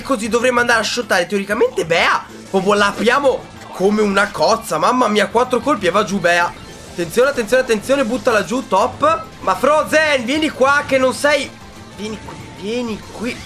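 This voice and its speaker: A young man with a high, bright voice commenting on his own gameplay. He swings from excited shouts to quiet, self-mocking mutters. Music plays faintly behind him. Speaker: gaming YouTuber.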